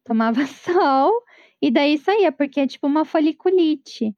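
A woman with a Brazilian Portuguese accent, talking casually on a podcast with expressive, exclamatory reactions. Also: high-pitched, moderate pace, no room sound. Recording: dull dry lo-fi mic.

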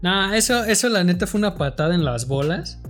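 A man's voice: sits high, brisk, soft background music. A Mexican man chatting casually about a video game, swearing freely and acting out his reactions as he tells it. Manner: slangy, profane, animated storytelling with acted-out reactions.

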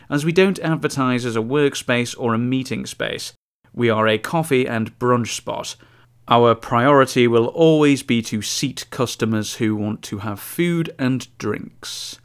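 A man hosting a podcast, reading customer reviews and owner replies aloud in a measured, dry voice. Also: mid-range voice, clear, resonant tone.

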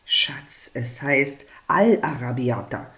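A woman reading aloud and voicing a pedantic young man who corrects his girlfriend in a hushed, patronizing tone. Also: on the low side, expressive, slow.

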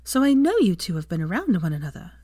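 A woman voicing a gracious lady in an old portrait who welcomes the newcomer warmly. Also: fairly low pitch, big pitch swings, fast talker, no echo, studio quality. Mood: welcoming. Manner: warm, welcoming.

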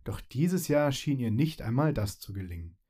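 A man reading a children's fairy tale aloud. His voice sits at a middle pitch for a man. He narrates in a lively, expressive way. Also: moderate pace.

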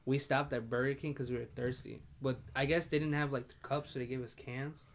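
A man's voice: medium pitch, little pitch movement, brisk. A young man hosts a podcast and tells stories from his life. He talks loosely and swears freely, laughing as he tells them. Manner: profane, laughing storyteller. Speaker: podcast host. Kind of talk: casual chat, storytelling.

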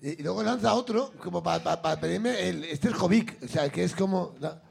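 Male podcast host, high gravelly voice, very lively delivery, jokey. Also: moderate pace. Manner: animated, jokey, acts out quoted voices. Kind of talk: casual chat.

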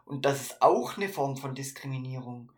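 A man's voice: medium pitch, lively intonation, normal speed, darkish tone. A man co-hosting a casual podcast, thinking aloud with frequent fillers and restarts. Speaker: podcast co-host.

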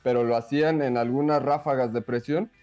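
Male football analyst, mid-pitched and relaxed, hesitant delivery, slightly dull audio. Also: a little fast, faint music behind. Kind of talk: conversational sports analysis.

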